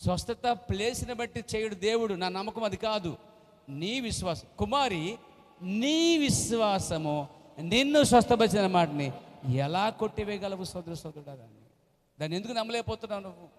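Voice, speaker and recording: Pastor, male, high voice, sermon delivery with big dynamic swings, long hall echo. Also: brisk. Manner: swings from low asides to shouted acted-out quotes. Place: church hall.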